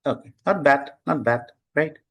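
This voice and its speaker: A man from Bangladesh teaches an online test-prep class in a high, gravelly, somewhat bright voice, and the audio quality is poor. He lectures casually, mixing in English words, occasionally scolds his students, and reads practice passages aloud slowly and deliberately.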